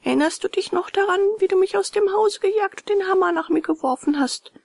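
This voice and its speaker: A woman's voice: very high-pitched, a little fast, creaky, darkish tone, dry recording, clean studio sound, pitched above the performer's own voice. A woman voicing a small, wise cricket in a storybook, stern but kind and lecturing.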